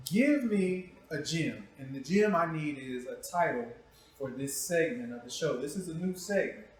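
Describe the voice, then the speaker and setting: This talk show host has a fairly high, animated voice and speaks at a moderate pace. He jokes around with profanity in a casual, teasing way and tends to say things twice, all picked up by a far-off mic in a heavily reverberant room.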